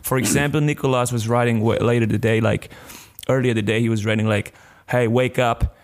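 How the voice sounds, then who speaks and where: A man's voice: medium pitch, fairly even intonation, fast. Man in a put-on gangster drawl. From Germany. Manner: put-on American gangster slang and swagger; bursts into snatches of song. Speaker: podcast co-host. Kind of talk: casual chat.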